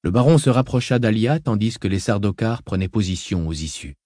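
A man narrating an audiobook in a measured, dramatic reading style. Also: lowish voice, animated, dark tone, no room sound, studio quality.

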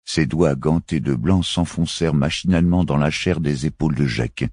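A man reading a science fiction novel aloud in steady, measured narration. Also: rumbling low, no room sound. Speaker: audiobook narrator. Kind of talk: scripted narration.

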